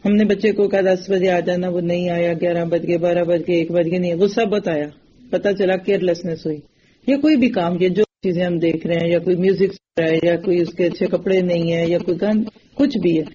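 A woman's voice: lowish voice, fairly even intonation, warm tone, lo-fi sound, a little hiss or hum. A woman giving a religious lecture in an earnest, direct way, often putting rhetorical questions to her listeners. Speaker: religious teacher.

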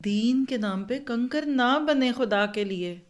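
A woman's voice: fairly high pitch, slow pace. A woman giving an earnest religious lecture to a class of women. She talks in an instructive way, repeats points for note-taking, and acts out different tones of voice as examples. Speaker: religious teacher.

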